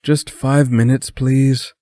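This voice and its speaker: A man's voice: medium pitch, flat delivery, slow, dark tone, no echo, studio quality, pitched above the performer's own voice, natural voice. A man voicing a sleepy young man in a storybook reading, groaning and whiny.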